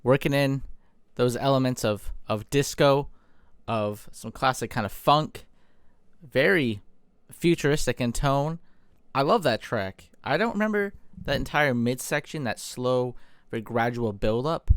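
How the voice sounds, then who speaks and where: A man's voice: mid-range voice, unhurried, clean tone, dry recording. A man hosting an album reaction, reacting enthusiastically and thinking aloud with fillers while the record plays. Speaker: music reaction host. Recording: music playing loudly underneath. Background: album music playing.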